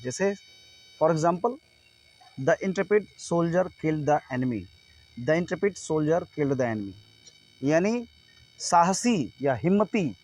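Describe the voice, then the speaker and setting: A young man teaching English vocabulary in Hindi, saying each word slowly several times and then explaining what it means. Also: on the high side, a little mellow, low-quality recording.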